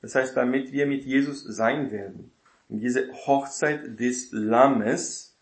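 A man teaching a Bible study in a casual lecture style, often adding a quick tag question to check that listeners follow. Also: mid-range voice, echoey room.

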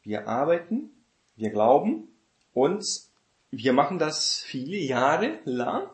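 A man's voice: on the high side, big pitch swings, takes it slowly. A man giving an informal Bible teaching, talking conversationally, repeating his phrases for emphasis, asking rhetorical questions and often tagging "ne?" onto them. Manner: conversational, often adds "ne?" as a tag. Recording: echoey room.

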